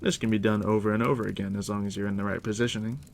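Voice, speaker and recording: A male game master in a gentle ASMR roleplay takes the listener through the rules of a tabletop game, speaking directly and conversationally at an unhurried pace. His voice is lowish, gravelly, and hushed. A crackling fire and steady background noise play behind him.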